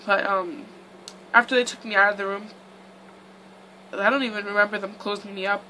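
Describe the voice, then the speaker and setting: A young woman chats through her storytime, rambling and filling gaps with "like" and "um". Her voice is bright and clear, with a faint background hum. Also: mid-range voice, fairly even intonation, a little fast, poor audio. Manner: chatty, rambling, lots of "like" and "um". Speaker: vlogger. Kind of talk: casual storytime.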